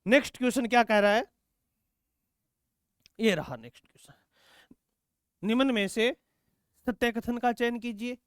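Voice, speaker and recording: A man's voice: very high-pitched, normal speed, long pauses, smooth, no echo, studio quality. A male teacher taking students through exam quiz questions, asking questions and answering them himself and calling students "beta". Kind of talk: exam-prep quiz lesson.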